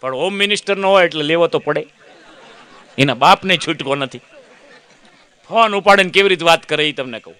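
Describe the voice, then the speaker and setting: A man's voice: on the high side, brisk, pauses often, sharp tone, smooth, some chatter behind. A man doing a comic monologue, telling a chatty story, acting out other people's lines and teasing the audience. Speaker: comedian.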